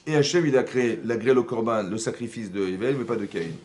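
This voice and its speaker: Un homme qui donne un cours religieux dans une synagogue, avec un accent français. Il pose des questions au public et joue les dialogues avec animation. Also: male voice, mid-range voice, fast talker, slight background noise. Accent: French. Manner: animated, acts out dialogues, asks the audience questions. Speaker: rabbi teaching a class. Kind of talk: lively religious lesson. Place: synagogue class room.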